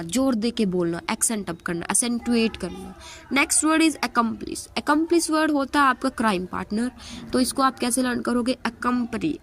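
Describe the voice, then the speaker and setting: A young woman teaching English vocabulary for exams, mixing Hindi and English and asking questions as she explains. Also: fairly high pitch. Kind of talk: exam-prep vocabulary lesson.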